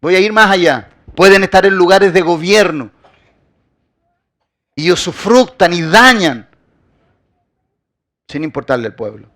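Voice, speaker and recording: A man preaching a sermon as pastor, building his points with rhetorical questions and emphatic repetition, often dropping quiet at the end of a phrase. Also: sits high, expressive, measured pace, pauses often.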